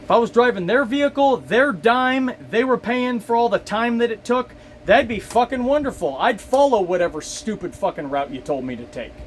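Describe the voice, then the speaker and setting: Profane, ranting high-voiced man. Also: animated, normal speed, few pauses, slight background noise. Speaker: delivery driver vlogger. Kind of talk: casual ranting monologue.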